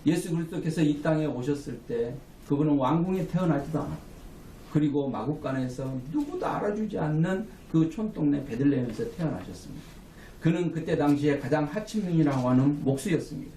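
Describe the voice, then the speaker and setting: Korean pastor preaching in an echoey room. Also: male voice, on the high side, expressive, brisk, dark tone, recorded from a distance, a little hiss or hum. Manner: emphatic preaching with rising calls for amen. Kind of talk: sermon. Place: small office room. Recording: echoey room, mic from afar.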